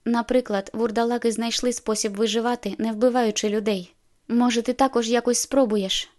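A woman's voice: steady tone, moderate pace, darkish tone, natural voice. A woman voicing an anxious, stubborn young woman in an audiobook, hissing and pleading. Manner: hissing, whispering, then shrill.

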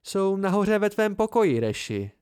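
A man's voice: sits high, animated, darkish tone, smooth, pitched above the performer's own voice. Bast, a man voicing a whiny apprentice. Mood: petulant. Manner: pleading, petulant. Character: fussy young male apprentice, whiny and eager. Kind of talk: amateur audiobook voicing.

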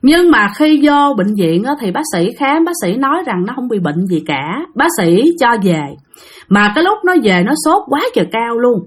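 A woman with a Southern Vietnamese accent tells a ghost story casually, talking straight to her listeners. Her voice is fairly high and lively, rising and falling a lot, with a slightly husky, breathy tone. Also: normal speed. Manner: chatty, addresses listeners directly.

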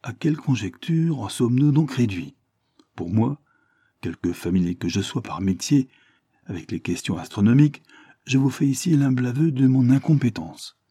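A man's voice: mid-range voice, expressive, normal speed, warm tone, slightly rough, no echo, studio quality, pitched above the performer's own voice. A man doing an agitated retired sea captain. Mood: grandiloquent. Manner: raised, urgent, declamatory.

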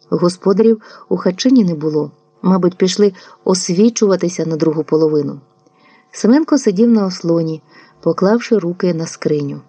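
A woman narrating a literary audiobook in a calm, measured way. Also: lowish voice, slightly rough, no room sound. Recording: dull lo-fi dry recording.

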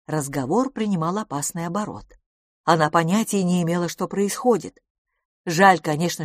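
Woman narrating with a dry, low voice. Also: dry recording. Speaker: audiobook narrator. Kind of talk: scripted narration.

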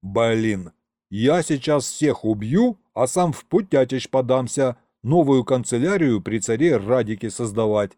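Brief: eager slangy imp sidekick, bouncy pitch, mellow dry audiobook sound, read by a man. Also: lively intonation, a little slow, dry recording, lightly acted. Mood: boastful. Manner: street slang, keeps calling him boss. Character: cheeky male imp henchman, slangy and eager.

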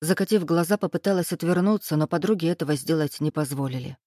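A woman narrating a first-person audiobook in a measured, expressive reading. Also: deep voice, no echo, studio quality.

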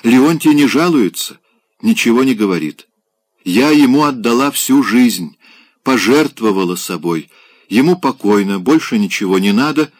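A man's voice: medium pitch, lively intonation, normal speed, dry recording, clean studio sound, voice pushed up, natural voice. A man voicing a passionate, restless married woman in an audiobook, pleading and melodramatic. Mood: bitter complaint.

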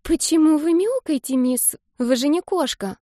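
A woman's voice: expressive, normal speed, dark tone, no room sound, clean studio sound. A woman doing a timid eight-year-old girl. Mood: anxious. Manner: high, eager childlike voice. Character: little girl of about eight, timid and curious. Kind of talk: audiobook character voice.

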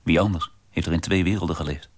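A man's voice: low voice, fast talker, slight background noise. A man reading a first-person diary novel for radio in an introspective way, often dropping to a near-whisper.

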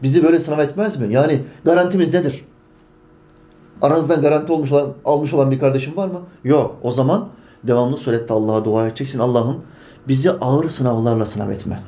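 A man's voice: on the high side, fast, warm tone. A man preaching a sermon, emphatic and full of rhetorical questions to his congregation.

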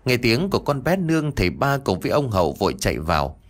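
A man narrating a horror story in a steady, dramatic reading voice. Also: mid-range voice, quick pace.

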